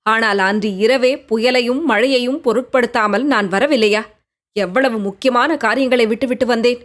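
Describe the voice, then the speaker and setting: A woman voicing a gentle young prince who coaxes and pleads with the woman he loves in an audiobook. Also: fairly high pitch, moderate pace, close to an everyday voice. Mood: tender. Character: young prince, tender, coaxing, devoted lover. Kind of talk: audiobook character reading.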